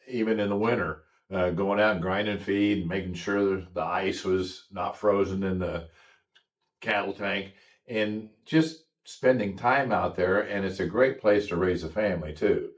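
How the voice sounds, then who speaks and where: A middle-aged American man, a farmer, talking casually in a reflective, halting way. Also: sits low. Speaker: farmer guest. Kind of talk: casual conversation. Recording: distant mic, dull muffled sound.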